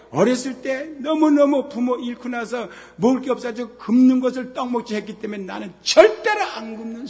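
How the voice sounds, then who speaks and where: A middle-aged man preaching a sermon as pastor, moving from quiet talk to shouted scripture and asking questions he then answers himself. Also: fairly high pitch. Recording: long hall reverb.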